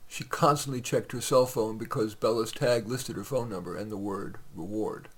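A man's voice: fairly low pitch, steady tone, moderate pace, breathy edge. A man reading his own short stories aloud on a podcast, in a conversational way with occasional fillers.

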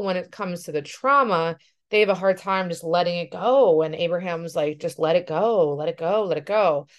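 A woman life coach talking through a casual podcast monologue in an earnest way, often checking in with "right?". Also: on the low side.

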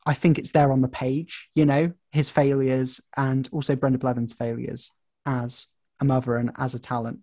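A man's voice: medium pitch, flat delivery, moderate pace, warm tone, no room sound, clean studio sound. A man hosting a casual film podcast, chatting and musing with frequent restarts.

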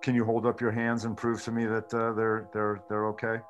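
A man with a fairly low voice talks through an investigation in a measured, explanatory way. He sounds conversational, and the video-call audio is a little thin and tinny. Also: completely flat delivery, slight background noise. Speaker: documentarian and podcast co-host. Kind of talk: conversational investigative podcast discussion.

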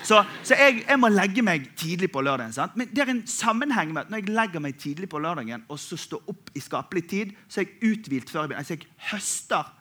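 A man in his thirties from Western Norway delivers a sermon with humor and a chatty, back-and-forth manner. His voice sits high and bright. He keeps pulling the congregation in as he goes. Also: hardly any pauses, breathy edge. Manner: animated, humorous, conversational preaching with frequent "sant?". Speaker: pastor.

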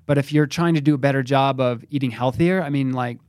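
A man's voice: mid-range voice, fast, darkish tone, no room sound. A man with a mid-range voice offers practical, encouraging advice on a casual faith podcast. He talks easily and plainly. The sound is dry and close to the mic. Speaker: podcast co-host.

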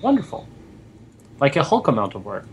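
A man's voice: fairly high pitch, moderate pace, fairly bright tone, slight background noise. A young man co-hosting a casual chat, talking in a rambling way with lots of fillers and restarts. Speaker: podcast co-host.

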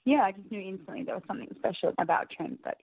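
A young woman, soft and reflective, speaking in a personal interview and laughing often. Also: mid-range voice, quick pace, gravelly, breathy edge, no echo. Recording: tinny phone-like audio, faint music.

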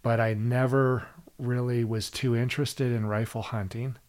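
A man's voice: medium pitch, flat delivery, normal speed, a little mellow. A man from Minnesota speaking as a guest in an easygoing, slightly hesitant way. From Minnesota, USA. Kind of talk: casual conversation.

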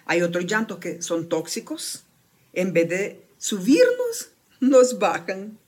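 Mujer de voz ronca que da una charla motivacional animada, con preguntas al público y frases que reinicia. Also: female voice, mid-range voice, slow, husky. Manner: animated, with frequent restarts and rhetorical questions. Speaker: speaker giving a talk. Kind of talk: motivational talk to an audience.

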